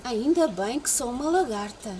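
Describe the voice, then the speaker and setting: Little boy caterpillar in a storybook, woman doing the voice, high pleading cries, european portuguese accent, squeaky and jumping all around. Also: lively intonation, moderate pace, warm tone, slight background noise, natural voice. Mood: musing. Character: young male caterpillar who roars like a lion.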